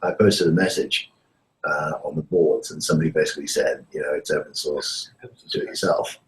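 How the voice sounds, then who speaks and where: A university lecturer heard over a remote call line that breaks up and echoes, talking casually with many pauses and fillers. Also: male voice, extremely low pitch, steady tone. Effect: remote call line that breaks up, with echo. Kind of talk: casual video call chat.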